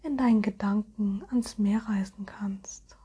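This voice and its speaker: A woman guiding a relaxation hypnosis in a soft, soothing, airy spa whisper with gentle suggestions. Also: medium pitch, steady tone, measured pace, breathy edge. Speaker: hypnosis guide.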